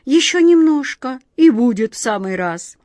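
Woman voicing a sly old storybook auntie, slow and coaxing, raised sing-song pitch, dry close sound. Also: animated, a little mellow, no room sound. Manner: slow, drawn-out, fond coaxing tone. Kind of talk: storybook reading.

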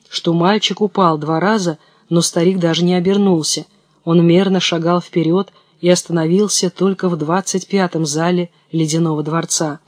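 A man reading a fairy tale aloud in a calm, even storytelling manner. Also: high-pitched, no room sound, clean studio sound. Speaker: narrator. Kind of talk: storybook narration.

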